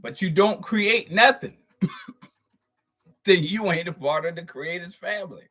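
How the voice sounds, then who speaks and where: A channel host delivers a profane, preachy spiritual monologue to viewers. His voice sits high and a bit bright at a slow pace, and he emphatically stresses and stretches words, chuckling between points.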